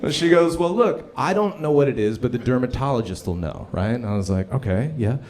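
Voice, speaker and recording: On a club stage, a man performs a stand-up set, telling a story with animation and acting out the voices of its characters. His voice is medium in pitch and his delivery brisk.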